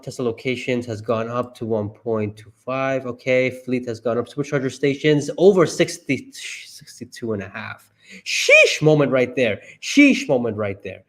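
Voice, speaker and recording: A man streaming live commentary as he reads through a report, talking to himself and his viewers and breaking into excited high yelps. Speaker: stock market streamer.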